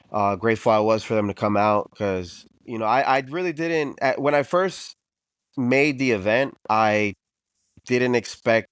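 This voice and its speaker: A man's voice: mid-range voice, clear, resonant tone, no echo, studio quality. A man in his thirties from Los Angeles, a podcast guest chatting in an easygoing, laid-back way. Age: 30s. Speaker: podcast guest, delivery driver. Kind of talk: casual chat.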